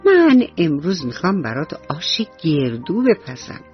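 A woman voicing a caring mother mouse in a calm, soft way, in a radio bedtime story. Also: low-pitched, faint music behind. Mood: gentle. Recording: dull lo-fi radio recording.

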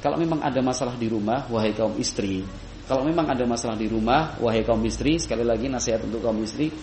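A man preaching a sermon, telling a story in a lively way and acting out high voices for the people in it. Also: fast. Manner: lively, acts out quoted voices in high pitch. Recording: echoey room with faint background noise.

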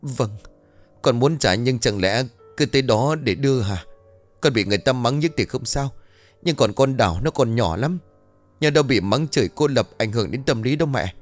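A man's voice: mid-range voice, expressive, normal speed, faint music behind, natural voice. A man voicing a fierce, bossy middle-aged village mother who scolds her children in a harsh, urgent way. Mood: pleading.

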